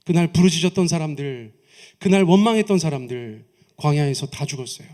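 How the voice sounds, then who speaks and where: A man preaching a sermon as pastor, who leads his congregation in reading aloud, asks them questions, and swings between raised emphasis and soft low asides. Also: expressive, brisk.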